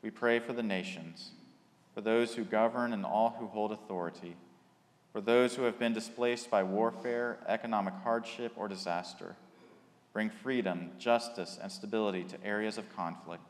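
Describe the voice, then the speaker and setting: Man, low voice, slow measured litany, worship leader, long cathedral echo, big reverberant church. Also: fairly even intonation. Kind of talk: reading liturgical prayers. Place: large church.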